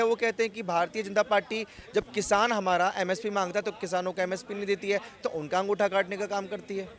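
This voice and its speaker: High-pitched male voice, street reporter, probing questions, outdoors. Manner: probing, devil's-advocate questions. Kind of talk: news vox pop interviewing.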